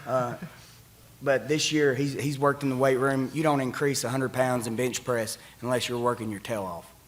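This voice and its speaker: A man, a football offensive coordinator, giving plainspoken press conference remarks with many pauses. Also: medium pitch, steady tone.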